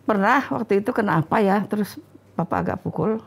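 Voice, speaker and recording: A woman's voice: mid-range voice, a little fast, creaky, breathy edge. An older Indonesian woman and mother, talking casually as an interview guest and recalling family stories, often acting out the lines people said. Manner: acts out family dialogue when recalling stories. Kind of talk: casual conversational storytelling.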